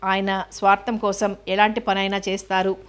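Spirited young wife, gentle but firm, voiced by a woman, storybook reading, flat pitch. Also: normal speed, smooth, natural voice. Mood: earnest.

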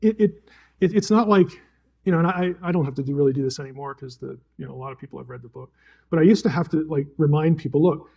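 Man, Bible teacher, live talk to a gathering, animated, stumbling restarts, mellow husky voice. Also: a little high. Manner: animated storytelling with frequent restarts and chuckles. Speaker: Bible teacher speaking to a fellowship.

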